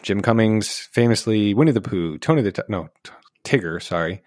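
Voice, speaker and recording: Low-voiced man recapping a movie. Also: expressive, fairly quick, darkish tone, dry recording, studio quality. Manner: jokey, rambling plot retelling. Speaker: podcast co-host. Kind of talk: casual movie recap chat.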